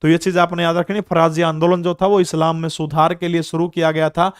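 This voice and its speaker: A man's voice: fairly high pitch, flat delivery, fairly quick, clean tone, dry recording, studio quality. A man in his thirties with a Haryanvi accent, teaching an online general-knowledge exam class and quizzing students with rhetorical questions.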